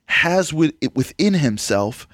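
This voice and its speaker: A man hosting an interview, talking emphatically with quick restarts. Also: a little high, sing-song, fairly bright tone, dry recording, clean studio sound. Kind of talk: interview conversation.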